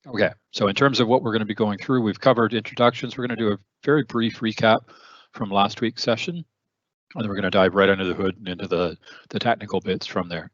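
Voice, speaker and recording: A man's voice: on the low side, steady tone, brisk, dry recording, highs cut off. A man hosting a technical webinar in a conversational way, with many fillers and repeated words, his voice a bit worn. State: losing his voice, clearing throat. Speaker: webinar host.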